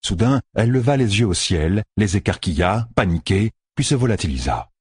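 A man reading a fantasy audiobook with expressive storytelling. His voice is low with a lively, moving intonation and a husky, breathy texture. The recording is dry and close. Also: normal speed, dry recording. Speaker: audiobook narrator. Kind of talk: scripted narration.

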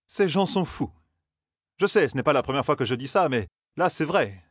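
A man doing a jittery young village lad whose voice rises well above the narrator's, talking fast and sounding raspy and worked up. He comes across scornful and rattled in this fantasy audiobook. The read is dry and close. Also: fairly high pitch, animated, no echo, pitched above the performer's own voice. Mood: agitated.

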